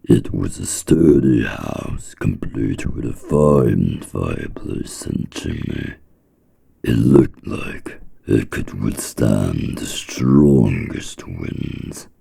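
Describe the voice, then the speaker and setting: A man with a very deep, gravelly voice narrating a fairy tale slowly, in a firm, deliberate manner. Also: animated, mellow. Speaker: storyteller.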